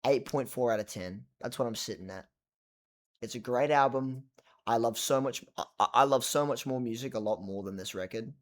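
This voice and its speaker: A vlogger reviewing a record rambles casually about the album late at night at home, sounding tired. He speaks in a mid-range voice at moderate pace, swearing now and then and trailing off into mumbles.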